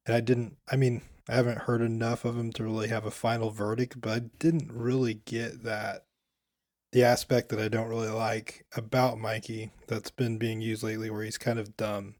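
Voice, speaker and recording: A man guesting on a casual podcast, talking in a measured way and thinking aloud. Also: on the low side, little pitch movement, a little mellow, no echo, clean studio sound.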